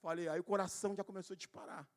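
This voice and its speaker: High-voiced pastor in a reverberant hall. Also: male voice, fairly even intonation, very fast. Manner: conversational, addresses listeners by name; builds to shouted emphasis. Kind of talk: live church sermon, personal storytelling. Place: church service hall. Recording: long hall reverb, live-streamed service.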